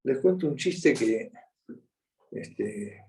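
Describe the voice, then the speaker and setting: A man's voice: mid-range voice, lively intonation, very slow, vocal fry, darkish tone, slight background noise. A man with a Rioplatense Spanish accent giving a conversational conference lecture, often checking in with his audience. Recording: voice picked up from a distance.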